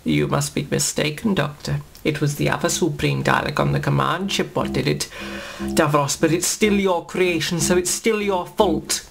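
A man playing an angry, defiant time-travelling hero in an amateur fan film, talking fast and confrontationally. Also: on the high side, gravelly, music in the background. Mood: accusing.

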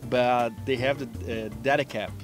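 A middle-aged man explains things haltingly, full of fillers. He speaks outdoors on a boat deck with a medium voice. Music plays clearly behind him. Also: mid-range voice, fairly even intonation. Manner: hesitant, many fillers. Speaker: boat owner interviewee.

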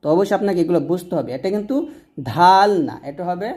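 A woman with a Bangladeshi Bengali accent teaching Arabic letter pronunciation, patiently repeating each sound slowly. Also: lowish voice, animated, dark tone. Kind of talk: explaining letter by letter.

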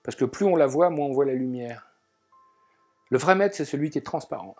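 Man musing aloud over soft guitar. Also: mid-range voice, breathy edge. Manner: lively storytelling, with pauses and filler words. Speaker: alchemy speaker. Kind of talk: spoken reflective talk. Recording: faint guitar music behind.

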